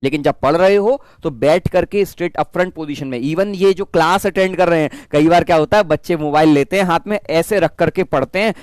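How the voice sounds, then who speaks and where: Young man, physics teacher, high voice, dry close mic, chatty, mimics students. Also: brisk, few pauses, darkish tone, no echo. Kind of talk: online class pep talk.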